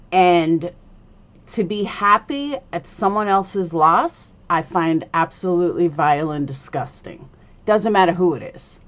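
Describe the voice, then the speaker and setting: A woman talks to her livestream viewers in a slightly low voice, with a slight lisp from the retainer she is wearing. She takes her time, speaking very slowly. Her manner is blunt and opinionated. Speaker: livestream host. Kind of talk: casual livestream commentary addressed to viewers.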